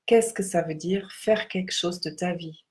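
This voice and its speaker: A woman teaching in a guided meditation style, speaking in a measured, instructive way with deliberate pauses as she leads a contemplative reading. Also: on the low side.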